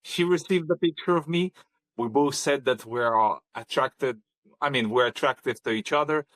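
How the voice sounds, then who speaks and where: A man's voice: mid-range voice, moderate pace, a bit bright, no echo. Hesitant man from Kazakhstan. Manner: hesitant, many ums and restarts. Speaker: podcast guest. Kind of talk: conversational interview.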